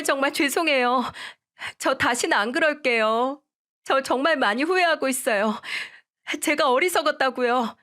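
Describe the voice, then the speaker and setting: A woman's voice: sits high, a bit bright, voice pushed up. A woman voicing a desperate young daughter-in-law who begs for forgiveness in a raised, pleading voice. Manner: begging, tearful pleading.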